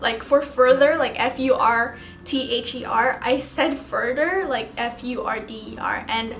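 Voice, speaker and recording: This beauty vlogger, a young woman from the Philippines, speaks with a Filipino accent in a loose, rambling way, leaning heavily on "like" as she talks through her makeup. Her voice is a little high, a bit bright, and a little slow, recorded with a roomy sound and a little hiss or hum.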